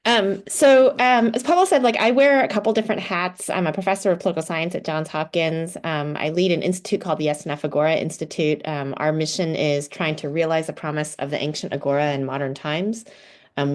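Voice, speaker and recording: Brief: low-pitched woman from the US, professor, talks over video call, thoughtful and a bit hesitant. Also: a little mellow. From United States (Houston, Texas). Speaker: guest speaker, political science professor. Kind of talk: online lecture talk.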